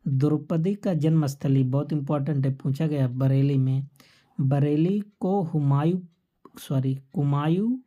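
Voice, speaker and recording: A woman teaches in a slow, deliberate lecture, with a low voice and a very dark, mellow tone. She poses a question, then answers it herself, repeating the key fact. The recording sounds dull and lo-fi. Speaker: exam-prep teacher. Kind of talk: quiz-style lecture.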